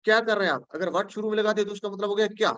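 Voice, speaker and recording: A man's voice: sits high, fairly bright tone, dry recording, lo-fi sound. Patient man teaching word meanings. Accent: Pakistani Urdu. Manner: patient, repeats each word and checks with "ٹھیک ہے جی"; recites prayer phrases slowly. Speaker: Quran teacher. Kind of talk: explaining word meanings to students.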